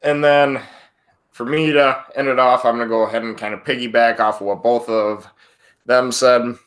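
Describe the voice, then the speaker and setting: A man's voice: mid-range voice, steady tone, moderate pace, fairly bright tone. A man hosting a casual podcast, talking in a friendly, rambling way and often correcting himself. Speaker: podcast host. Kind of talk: casual chat.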